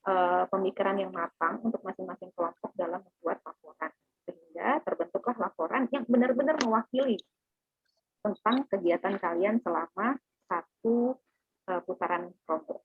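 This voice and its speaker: This woman has a medium-pitched voice with a breathy edge, and there's no echo. She's a teacher running an online class briefing, walking through plans and often making sure students follow, all heard through thin, phone-like call audio.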